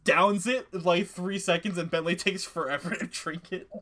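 A young man chatting casually about video games with friends. He gets excited, laughs often and swears. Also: high-pitched, background noise. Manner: excitable, laughing, swearing, quick quoted bits. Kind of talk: casual gaming chat.

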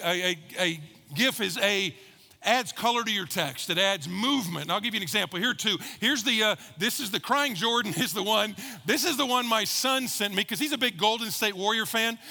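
High gravelly pastor with church reverb. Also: male voice, pushed and bright. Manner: playful, joking with the congregation. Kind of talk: sermon. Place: church sanctuary. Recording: long hall reverb.

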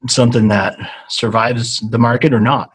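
A man's voice: mid-range voice, steady tone, normal speed, fairly bright tone, slightly rough, poor audio. A man from Argentina, a guest in an interview, talking casually with many ums and restarts. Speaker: guest, consulting company founder.

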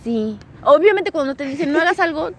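A woman's voice: high voice, lively intonation, brisk, slight background noise. A woman co-hosting a podcast, easygoing and agreeable in casual chat. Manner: easygoing, agreeable, fills with "este" and "o sea". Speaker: podcast co-host.

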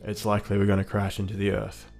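A man's voice: on the low side, completely flat delivery, quick pace, gravelly, darkish tone, faint music behind. A man voicing a worried young female crew member in an audiobook. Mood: grim.

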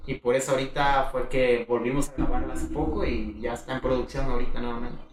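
A young man, chatting casually as a podcast guest, relaxed and rambling with many restarts. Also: medium pitch, fast talker, far from the mic. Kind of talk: casual chat. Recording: echoey room, voice from off mic.

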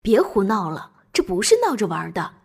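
Woman playing a nervous little boy in a storybook, hushed, a bit lower, breathy. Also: animated, moderate pace. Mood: worried. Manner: anxious, hushed. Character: cautious worried young boy.

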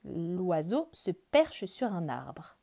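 A woman reading a children's picture book aloud, gentle and expressive. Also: lowish voice, drawn-out words, gravelly. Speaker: children's storyteller.

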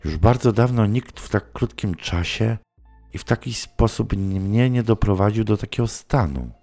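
A man's voice: fairly low pitch, animated, soft background music, voice pushed up. A man voicing a trembling middle-aged woman teacher. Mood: hushed submissive. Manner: quiet, trembling, halting replies. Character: woman teacher around fifty, frightened then submissive.

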